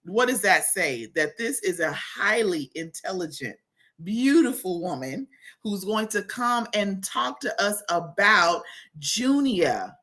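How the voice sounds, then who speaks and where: Woman talk-show host, bright tone, chatty and teasing, on a video call. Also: mid-range voice, sing-song, slow. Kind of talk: casual talk show hosting.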